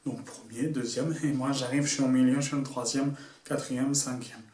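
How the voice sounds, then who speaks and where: A man's voice: mid-range voice, steady tone, moderate pace, darkish tone. A young man telling a story to camera in a casual, slangy way, full of asides. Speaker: YouTuber. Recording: echoey room, a bit far from the mic, faint noise.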